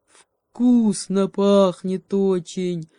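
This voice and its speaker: A woman voicing a gruff, sleepy male bear who growls and complains. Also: deep voice, slow pace, mellow, no room sound, studio quality. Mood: pleading.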